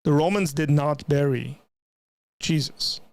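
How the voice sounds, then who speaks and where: A man hosting a livestream reaction, speaking casually to his viewers with a halting, stop-start delivery. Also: a little high, gravelly, dry recording. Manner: hesitant, restarting, addresses viewers as guys. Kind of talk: casual live commentary.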